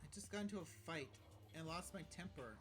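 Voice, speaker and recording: Soft-spoken upset teen girl read by a man, apologetic, lower and quieter, game music behind. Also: lively intonation, fairly quick, close to an everyday voice. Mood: subdued.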